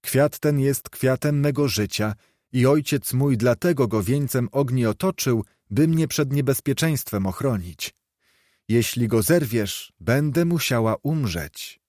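A man voicing a young mountain fairy princess who speaks softly and pleads. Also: medium pitch, animated, measured pace, dry recording, studio quality, natural voice. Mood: pleading. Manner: pleading, soft.

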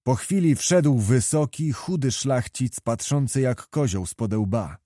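A man narrating a historical novel in a measured, even storytelling manner. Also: medium pitch, dry recording, studio quality. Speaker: audiobook narrator. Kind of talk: scripted narration.

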